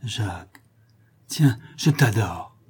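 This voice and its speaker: A man's voice: lowish voice, unhurried, warm tone, slightly rough. Man voicing a seductive cunning woman, half-whispered. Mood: seductive whispering. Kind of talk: audiobook character reading.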